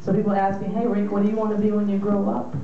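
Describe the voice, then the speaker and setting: A woman's voice: mid-range voice, flat delivery, quick pace. A young woman from Israel with an Israeli accent, doing a stand-up comedy set with brash, teasing crowd work on a small bar stage. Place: small dim bar or club stage, indoors. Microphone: handheld mic, filmed by a far camera. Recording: echoey room filmed from far, dull lo-fi sound, noisy.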